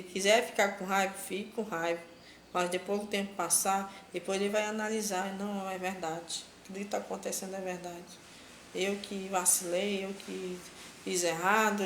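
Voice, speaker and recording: A woman preaching casually on a phone live stream from home. She presses her point to her listeners again and again, calling them brothers and sisters. Her voice sits at a medium pitch in a roomy, echoey space with faint noise behind it. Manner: exhortative, repeats herself, addresses listeners as brothers and sisters. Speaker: live streamer giving religious advice.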